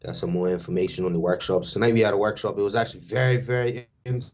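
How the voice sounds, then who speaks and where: A man's voice: lowish voice, steady tone, fast talker, a little mellow, a little hiss or hum. A Bermudian man guesting on a talk show, chatting in a loose, street-casual way. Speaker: guest, DJ and culture worker. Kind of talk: casual podcast chat. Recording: dull lo-fi sound.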